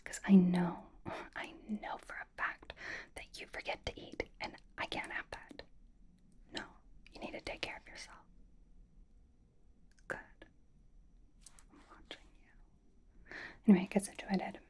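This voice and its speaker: A woman speaks almost entirely in a hushed whisper, her tone dark and mellow. She talks straight to the listener, teasing and blunt, like a friend sitting across a library table. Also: lowish voice, flat delivery, a little slow, pauses often. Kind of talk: whispered roleplay monologue to the listener.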